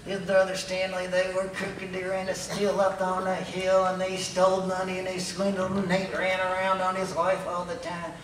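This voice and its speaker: Echoey far-off mic, guy doing a high folksy hillbilly puppet, kentucky accent, rambling comic stories. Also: completely flat delivery, moderate pace, few pauses, lightly acted. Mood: gossipy, folksy. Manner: drawling country idioms, rambling. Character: folksy chatty hillbilly ventriloquist puppet telling tall tales. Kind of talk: comic storytelling in a ventriloquist stage act. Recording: echoey room, distant mic, faint noise.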